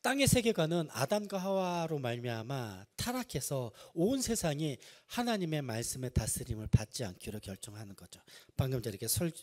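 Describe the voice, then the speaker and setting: In a church sanctuary, a male pastor with a mid-range, darkish voice preaches a Sunday sermon, building emphasis and putting rhetorical questions to the congregation.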